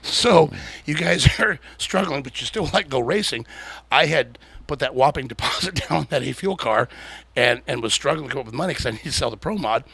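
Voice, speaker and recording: A man hosts a casual podcast interview, recounting old stories with lots of chuckles. His voice is deeply gravelly and husky. The sound is dry and close. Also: fairly quick, no room sound. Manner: animated, laughs often while telling stories. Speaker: podcast host.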